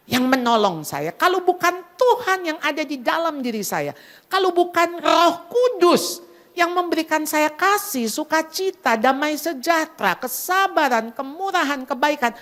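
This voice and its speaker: A middle-aged woman with a somewhat high voice preaches to a crowded church hall at a Christmas gathering. She is animated and speaks straight to the listeners as "saudara", mixing English phrases into her talk. She swings her voice wide as she acts out the thoughts and prayers she describes. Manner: animated, dramatizes inner voices and prayers with big pitch swings. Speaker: women's ministry speaker. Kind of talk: sermon.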